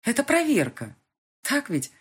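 A woman reading an audiobook, voicing a distraught young heroine in a husky, pleading voice. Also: on the high side, wildly swooping pitch, measured pace, voice pushed up, full character voice. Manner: pleading, tearful.

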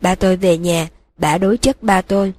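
A woman voicing a broken young male wizard who confesses in a flat, emotionless monotone, in an audiobook reading. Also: on the low side, normal speed, dry recording, lightly acted.

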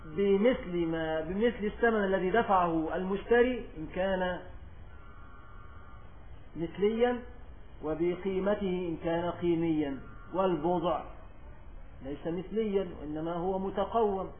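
A man with an Egyptian accent gives a classroom lecture as a religious teacher. He reads a text aloud and explains it, and he often repeats phrases and asks rhetorical questions. He reads quoted passages more slowly and loudly. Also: sits high, slight background noise. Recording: tinny, lo-fi lecture recording.

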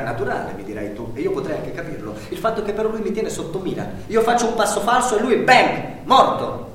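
A stage actor playing an anxious, bitter office worker who rants sarcastically with bitter laughs, in a theatre play on radio. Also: male voice, high-pitched, far from the mic. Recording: echoey stage sound from afar with music.

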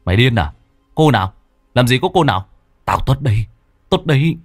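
A man's voice: very deep voice, expressive, a little fast, husky, no echo, clean studio sound, faint music behind, voice pushed down, exaggerated voice. A man voicing a hot-tempered village tough who curses and barks orders bluntly. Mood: gruff scolding. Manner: cursing, barking, blunt.

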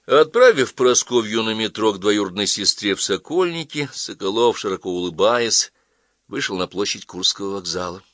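A man narrating a novel as an audiobook in an expressive, theatrical reading. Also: on the low side, normal speed, no echo, clean studio sound.

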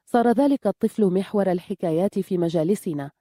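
A woman narrating an audiobook in a calm, measured reading. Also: mid-range voice, no room sound, studio quality.

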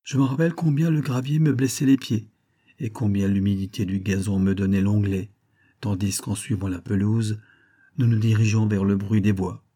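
A man narrating a novel in the first person, steady and measured. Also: on the low side. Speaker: audiobook narrator.

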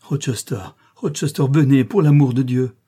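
A man's voice: mid-range voice, normal speed, warm tone, breathy edge, pitched above the performer's own voice, close to an everyday voice. A man reading a storybook, voicing a half-smothered man pleading for help in desperation. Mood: desperate.

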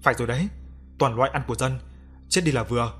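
A man's voice: mid-range voice, fast talker, fairly bright tone, slightly rough, faint music behind. A man doing spiteful village gossips. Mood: gossiping. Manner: gossipy, contemptuous.

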